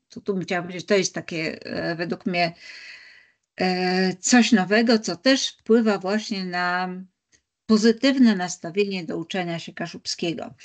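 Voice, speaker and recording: A woman leading a teaching-methods webinar, talking unscripted and measured, with frequent pauses and thoughtful hums. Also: mid-range voice. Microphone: video call.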